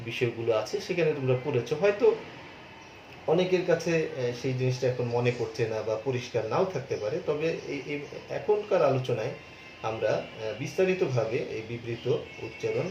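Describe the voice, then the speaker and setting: A man's voice: mid-range voice, darkish tone. Patient man teaching in an echoey room. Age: middle-aged. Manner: patient, explanatory, repeats key terms and example words. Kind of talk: classroom grammar lecture. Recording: muffled, echoey room with faint hum.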